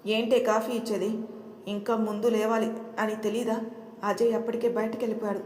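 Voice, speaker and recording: Scolding middle-aged mother, woman voicing her, high voice, echoey room. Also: flat delivery, brisk, darkish tone, lightly acted.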